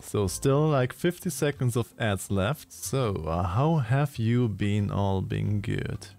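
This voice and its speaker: Casual game streamer, man, slow talk, giggly and halting. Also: fairly low pitch, animated, creaky, darkish tone, faint music behind. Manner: giggly, halting, many ums and restarts. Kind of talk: casual live gameplay commentary.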